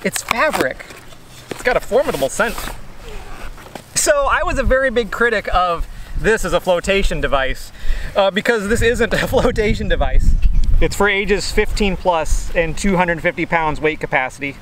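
A man's voice: high voice, lively intonation, moderate pace, a bit bright, a little hiss or hum, poor audio. A young man from the American Midwest, joking and bantering sarcastically in a casual vlog recorded outdoors on a beach. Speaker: vlogger. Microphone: camera on a tripod, later handheld at arm's length.

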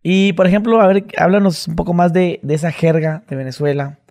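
A man interviewing a guest, asking curious, quick questions in a casual chat. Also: on the high side, fairly even intonation, a little mellow.

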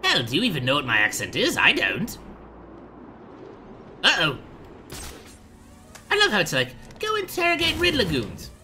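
A man's voice: a little high, huge pitch swings, a little slow, pauses often, pushed and bright, slight background noise. A man giving playful, sarcastic let's-play commentary, making jokes and sing-song asides. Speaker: gaming commentator.

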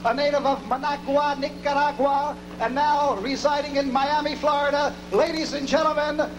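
A man making loud, ceremonious boxing ring introductions over an arena microphone with noise behind him. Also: extremely high pitch, fairly even intonation, moderate pace. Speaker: ring announcer. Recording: noisy arena public address sound.

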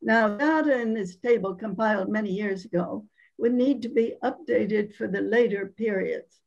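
A woman with a hoarse voice from laryngitis, giving a careful, measured scholarly presentation over a video call. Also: medium pitch, darkish tone, dull audio. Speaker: academic conference speaker.

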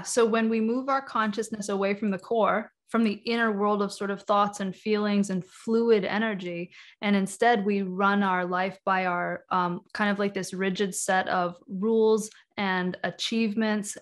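A woman in her thirties, a guest author on energy healing, joins a video-call interview by webcam from a room in her home. She explains ideas thoughtfully and at length, peppering sentences with "like" and "um," in a medium-pitched, fairly bright voice.

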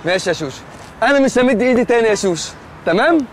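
Loutish egyptian guy, blustering hothead, really high voice n talks super fast, comedy series. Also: expressive, slight background noise. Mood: threatening. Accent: Egyptian Arabic. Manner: blustering, threatening. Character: hot-headed, loutish street entertainer man.

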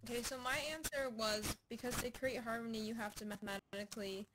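A woman's voice: fairly high pitch, fairly even intonation, a little fast. A woman student on a video call answering a question hesitantly with many fillers. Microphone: computer mic on a video call. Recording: noisy video-call audio.

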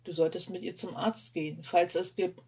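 A woman's voice: on the low side, steady tone, moderate pace, a little mellow, husky. A woman reading aloud, voicing a determined young woman who speaks matter-of-factly. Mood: insistent.

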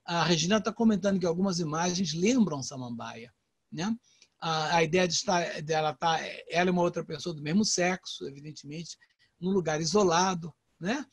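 An older man with a Brazilian Portuguese accent giving a relaxed online poetry lecture, talking conversationally with many "né?" tags and restarts. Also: fairly high pitch, moderate pace, husky, no echo. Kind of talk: informal literary lecture.

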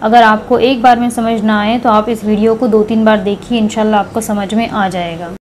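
A woman teaching Quranic pronunciation, patiently repeating each letter sound slowly for practice. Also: mid-range voice, fairly even intonation, a little hiss or hum. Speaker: tajweed teacher. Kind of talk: slow step-by-step recitation lesson.

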